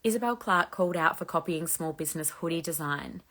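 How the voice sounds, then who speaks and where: A woman's voice: low voice, brisk, a bit bright. A woman in her thirties from Australia, hosting a casual live chat and answering viewer questions, chatty and full of "like" fillers. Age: 30s. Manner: chatty, frequent "like" fillers, laughs lightly.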